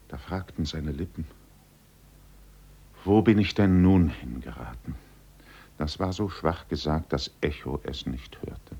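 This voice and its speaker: A man reading a literary story aloud as scripted narration, in a slow, measured way, in a dull lo-fi recording. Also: rumbling low, slightly rough.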